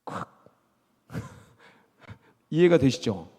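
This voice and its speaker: Male pastor, mid-pitched, animated preaching, acts out quoted lines, echoing sanctuary. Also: very slow. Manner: lively, acts out dialogue, calls for congregation responses. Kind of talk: sermon. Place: church sanctuary. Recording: long reverb of a church sanctuary.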